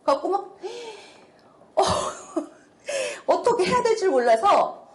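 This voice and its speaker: Lively woman giving an animated testimony. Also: extremely high pitch, extremely slow, echoey room. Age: middle-aged. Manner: animated, laughing often, exclaiming. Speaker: church speaker giving testimony. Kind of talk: testimony sermon.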